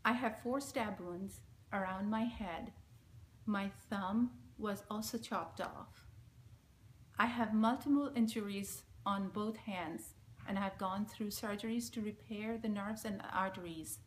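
This is a recorded message: a Bengali-speaking woman in her forties, with a Bangladeshi accent, reads a prepared statement slowly, solemnly and steadily into a close front-facing camera. She sits in a small indoor room by a plain wall, and her mid-range voice comes through a rough recording with a little hiss or hum.

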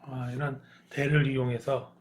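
A young woman filming her mother cooking at home, asking chatty questions and murmuring soft agreement. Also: extremely low pitch, little pitch movement, normal speed. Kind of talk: casual cooking chat. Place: home kitchen.

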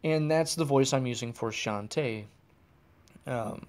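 An American man hosts a solo podcast while driving, chatting casually and rambling, often restarting and correcting himself mid-sentence. His voice is medium-pitched, a little slow and slightly mellow.

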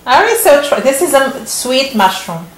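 A woman's voice: high voice, very animated, normal speed. A woman chatting casually with children as she hosts a food challenge, asking questions in a teasing way. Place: indoor room at home, off camera. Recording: roomy echo, faint background noise.

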